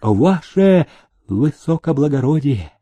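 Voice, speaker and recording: A man's voice: a little high, big pitch swings, takes it slowly, dark tone, full character voice. A man voicing a cowardly government clerk who begs tearfully for mercy. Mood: pleading. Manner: whining, pleading.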